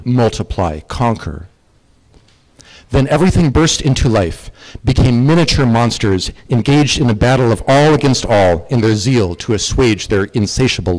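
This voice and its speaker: A man's voice: medium pitch, darkish tone, low-quality recording. A man reciting a long poem aloud with a rhythmic, lilting meter. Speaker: poetry reciter. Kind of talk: poetry recitation.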